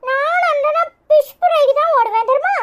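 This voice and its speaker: A woman's voice: very high voice, a little fast, fairly bright tone. A woman voicing a cheeky, food-loving young child in a cartoon, with a Kanyakumari Tamil accent. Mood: chatty. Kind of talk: cartoon voice acting.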